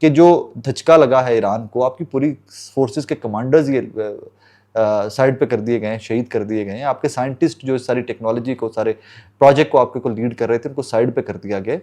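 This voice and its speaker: An earnest man from Pakistan talks straight to his viewers with a Pakistani Urdu accent. His voice sits at an ordinary mid pitch for a man, and he often drops English phrases into his Urdu as he comments. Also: a little fast, mellow. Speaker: political commentator. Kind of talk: casual commentary to camera.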